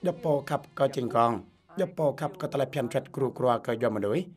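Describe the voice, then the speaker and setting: A man giving scripted narration for a television feature, reading in a steady, even way. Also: mid-range voice, moderate pace, faint music behind. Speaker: news narrator.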